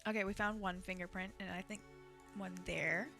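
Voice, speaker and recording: A woman streams a video game in casual commentary, with a chatty, sing-songy way of talking. She keeps talking to her chat as she plays. Her pitch sits mid-range, and clear game music runs underneath. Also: fairly even intonation, normal speed, bright, forceful tone.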